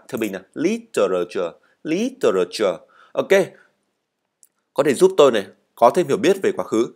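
A man teaching an English speaking lesson, explaining in Vietnamese, reading model answers and having students repeat words after him. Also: mid-range voice. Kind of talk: spoken language lesson.

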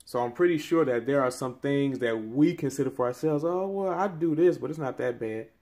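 Holding his phone camera close in a small room beside window blinds, a thirties-aged man explains scripture earnestly and preacherly, pushing his voice higher and stronger on the points that matter. His pitch is typical middle range for a man, slightly mellow, and his pace is fairly quick.

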